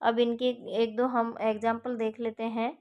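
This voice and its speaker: Female tutor, exam-prep grammar lesson, patient repeating delivery, slightly higher pitch. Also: flat delivery, normal speed, dull audio. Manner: explains step by step, repeats examples, checks with "ठीक है". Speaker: teacher.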